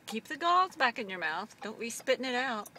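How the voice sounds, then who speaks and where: Woman chatting over loud car noise. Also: on the high side, very animated, normal speed. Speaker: driver looking after the patient. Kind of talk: casual chat. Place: inside a car. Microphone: handheld phone in the car, a little away. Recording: distant car recording with road noise.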